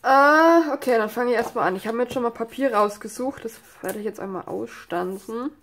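A craft channel host with a cold-stuffed nose chats casually through a tutorial at her desk, rambling with lots of fillers and asides. Her voice is a little high and fairly bright, and she speaks briskly. An overhead camera films her hands on the desk.

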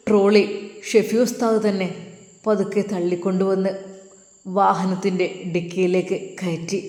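A woman narrating a story in an expressive, dramatic way. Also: mid-range voice. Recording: echoey room with long reverb.

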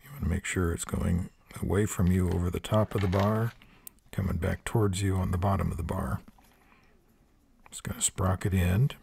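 Older male tool reviewer, very low and gravelly, plain-spoken and practical, faint noise behind. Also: steady tone, normal speed, a little mellow. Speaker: product reviewer. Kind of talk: hands-on product review narration. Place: workshop table.

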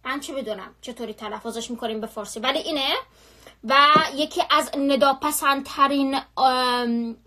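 High, bright-voiced young woman live streaming. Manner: animated, chatty, full of slang and repetition. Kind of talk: casual storytelling on a live stream.

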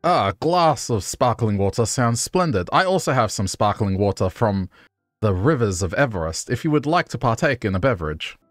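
A pompous aristocratic duke from a comic video game, speaking in an unhurried, lordly drawl as a man puts him on. His voice sits mid-range and dry, with faint game music behind. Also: lowish voice, very animated, no room sound. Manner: slow, stately posh delivery.

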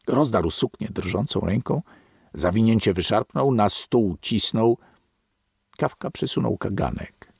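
A man narrating a classic novel as an audiobook, in measured, expressive storytelling. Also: lowish voice, vocal fry, slightly rough, no room sound, clean studio sound. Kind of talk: scripted literary narration.

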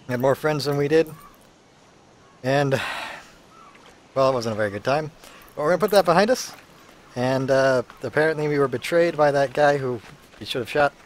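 Male let's-play commentator, average pitch, casual and wry, rambling asides over light game ambience. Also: a little hiss or hum. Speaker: gameplay commentator.

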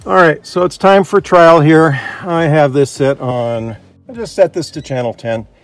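An American man in roughly his fifties, a vlogger, shows off his Jeep radio gear hands-on, chatting casually and thinking out loud. His voice sits on the high side and he takes his time, with loud music playing over him. He's outdoors next to a vehicle and also inside a truck cab.

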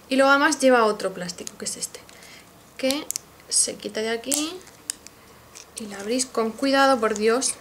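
Slight background noise sits behind a fairly high female voice with a Spain Spanish accent. In a casual haul video, the beauty vlogger excitedly raves about her makeup and speaks straight to her audience.

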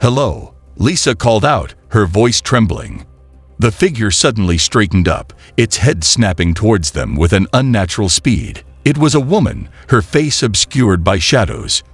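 A man narrating a scripted horror story in a dramatic, suspenseful way, with a husky voice. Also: on the low side, big pitch swings, moderate pace, hardly any pauses, no echo, soft background music.

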